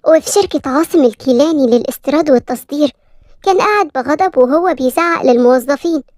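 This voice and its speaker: Fast high-voiced Egyptian woman narrator. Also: a little mellow, dry recording, clean studio sound. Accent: Egyptian Arabic. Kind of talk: scripted story narration.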